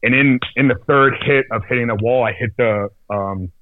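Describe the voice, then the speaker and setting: A man telling a personal story as a podcast guest in a casual, halting way, full of restarts and fillers. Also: medium pitch. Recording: tinny phone-like dry sound.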